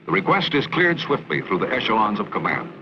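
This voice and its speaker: Lively American training-film narrator, a man. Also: medium pitch, brisk, gravelly, a crowd in the background. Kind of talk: scripted 1960s military training film narration. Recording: muffled vintage film soundtrack with music. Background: music.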